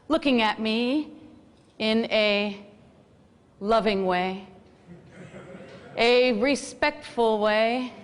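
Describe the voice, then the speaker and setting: A woman narrating a personal story in a calm, reflective manner. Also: on the high side, long reverb tail. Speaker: storyteller recounting a race. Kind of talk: scripted narration.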